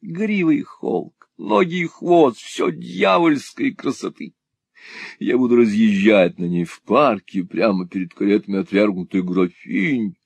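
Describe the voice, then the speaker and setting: A man's voice: fairly low pitch, lively intonation, measured pace, gravelly, slightly rough, dry recording, exaggerated voice. A man voicing a foppish, pompous husband who gushes and swears theatrically in an audiobook reading. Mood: swaggering. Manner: gushing, languid, swaggering exclamations.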